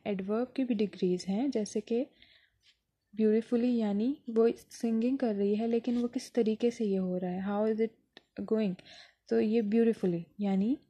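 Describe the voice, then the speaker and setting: A woman's voice: mid-range voice, dark tone. A woman teaching an English lesson, explaining patiently and sounding out words syllable by syllable.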